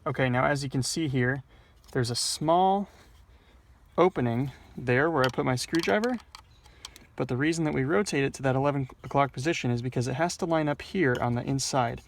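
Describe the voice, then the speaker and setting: Working in or at a car on the dashboard, a man walks through an installation tutorial step by step in plain-spoken, casual instruction. He talks briskly in a mid-range voice with vocal fry, and a little hiss or hum sits under the audio.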